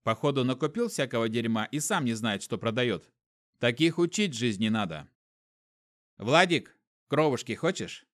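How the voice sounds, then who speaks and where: A man narrating a fantasy novel as an audiobook reader, lively and expressive. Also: mid-range voice, normal speed.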